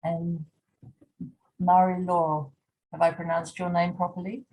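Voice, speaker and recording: A woman's voice: lowish voice, little pitch movement, measured pace, a little mellow, slight background noise, poor audio. A woman hosting an online seminar, politely calling on each guest by name over a video call. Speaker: seminar host.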